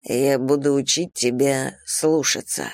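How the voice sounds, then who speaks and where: A woman reader voicing a dominant, teasing man in an erotic romance audiobook, speaking low, slow and hushed. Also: steady tone, no echo, studio quality. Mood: teasing, commanding.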